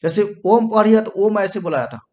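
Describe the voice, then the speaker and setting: High-pitched yet somewhat dark in tone, this man speaks with lively intonation as he teaches grammar on a whiteboard. He goes over points repeatedly, checks in with "ठीक है" again and again, and breaks off to erase and correct his writing.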